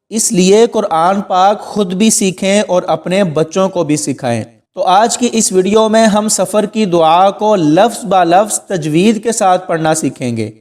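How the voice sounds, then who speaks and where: A man teaching correct pronunciation for recitation, explaining each sound and slowly drawing out the words as he models them. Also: high-pitched, darkish tone. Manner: instructive, slow drawn-out recitation of Arabic words. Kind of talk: tajweed lesson, explaining pronunciation.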